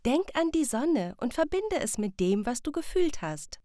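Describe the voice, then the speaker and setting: A gentle storybook mother who talks softly and patiently to her child, as a woman reads her part. Her voice sits a little higher than the narration and has a lively lift. The sound is dry and close. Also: unhurried, dry recording. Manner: soft, comforting, explaining. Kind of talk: storybook reading.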